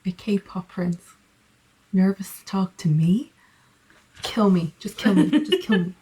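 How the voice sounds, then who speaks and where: A woman's voice: medium pitch, slow, mellow, slightly rough, rough recording. A woman reading a lovestruck young woman, mock-swooning and melodramatic, as a dramatic novel reading.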